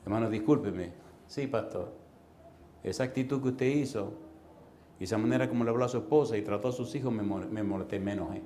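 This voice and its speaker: A middle-aged man preaching a sermon in a church, telling comic stories with sudden loud bursts and sound effects and putting questions straight to the congregation. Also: mid-range voice, fast, a little hiss or hum. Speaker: pastor. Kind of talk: sermon with comic personal anecdotes.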